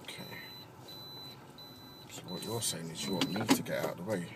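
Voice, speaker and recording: A man's voice: deep voice, normal speed, very noisy. A man driving a car, chatting and teasing his passenger with mock-serious questions. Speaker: comedy host, driver. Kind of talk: casual comedic chat. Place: inside a car in city traffic.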